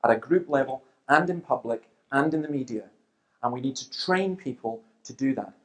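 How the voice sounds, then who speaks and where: Animated man telling stories. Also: medium pitch, moderate pace, low-quality recording. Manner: animated storyteller, acts out quotes. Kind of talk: seminar talk with anecdotes.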